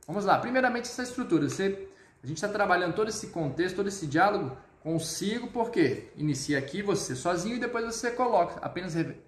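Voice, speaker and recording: A man with a fairly high voice teaches a live online French lesson. He sounds upbeat, explains step by step and checks in with his viewers, and he slows right down to model each phrase. The recording has a roomy echo. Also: animated.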